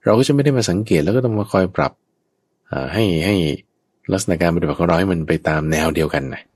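A man's voice: sits low, animated, quick pace, a little mellow, breathy edge, no echo, studio quality. A man, a Buddhist monk teacher, explains the teaching patiently and keeps checking that his listener understands. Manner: acts out others' speech in a raised voice. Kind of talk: dhamma teaching dialogue.

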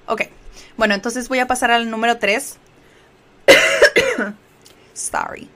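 A woman's voice: on the high side, sing-song, takes it slowly, pushed and bright. A woman from Mexico with a Mexican Spanish accent, teaching English in a chatty live lesson and checking in often with the audience. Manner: chatty, explanatory, with many filler checks like "¿ok?".

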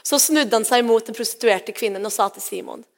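A woman pastor giving a sermon in a church service, retelling scripture in a personal, conversational way. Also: on the high side. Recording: long hall reverb.

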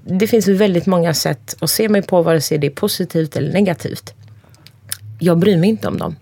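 A woman in her forties, an interview guest speaking bluntly and emphatically, swearing freely and listing things off in quick runs. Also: fairly low pitch, vocal fry, mellow, no echo. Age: 40s. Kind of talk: candid conversation.

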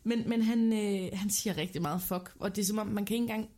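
A woman's voice: mid-range voice, fairly even intonation, dark tone. A woman, telling stories as a podcast co-host in a candid, self-mocking, colloquial way. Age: 30s. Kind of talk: casual confessional chat and storytelling.

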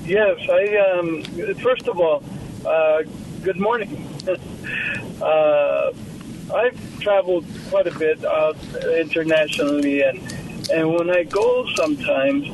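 A male caller on the phone to a talk show, telling a slow, rambling story. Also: fairly high pitch. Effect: over the phone. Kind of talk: call-in question and anecdote. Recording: distant noisy phone line.

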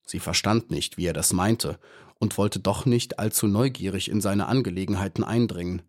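A man narrating a children's audiobook in a measured, even storytelling manner. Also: low-pitched. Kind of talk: scripted narration.

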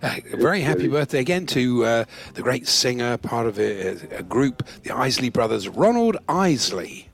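Male comic co-host, average pitch, creaky voice, casual pun-laden announcements. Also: sing-song, moderate pace, few pauses. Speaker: co-host reading out celebrity birthdays.

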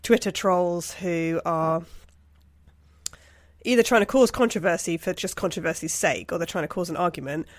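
A woman on a podcast panel, explaining things casually and rephrasing to be clear. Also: fairly low pitch, normal speed, no echo.

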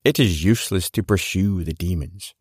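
A man voicing Santa Claus as a kindly old man in a storybook reading, speaking calmly and musingly. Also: deep voice, moderate pace, breathy edge, dry recording, clean studio sound. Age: older. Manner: calm and musing.

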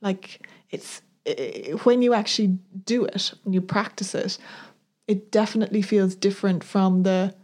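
In a reflective podcast conversation, a female co-host comes across as earnest and thoughtful, pausing to find her words. Her voice is mid-range and darkish, at a normal speed.

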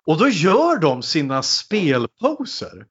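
A man's voice: fairly high pitch, wildly swooping pitch, husky, lo-fi sound. A man in a casual chat, animatedly retelling a film with many fillers.

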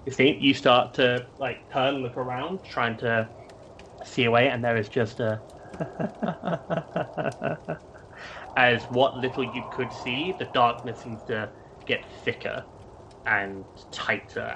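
A man working as game master, improvising narration for a tabletop game in halting fragments. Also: on the low side, background noise. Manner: halting, feeling for words in short fragments.

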